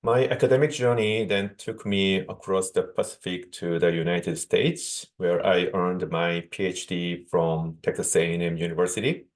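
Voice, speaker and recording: A man from South Korea, a native Korean speaker with a Korean accent, giving a measured conference keynote over a video call with small restarts. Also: low voice, steady tone. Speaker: guest speaker, associate professor.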